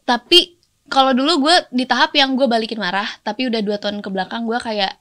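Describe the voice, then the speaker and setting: A woman's voice: a little high, a little fast. A young woman, a doctor and podcast guest, telling stories in casual chat and acting out her patients' lines. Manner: animated storytelling, acts out patients' lines.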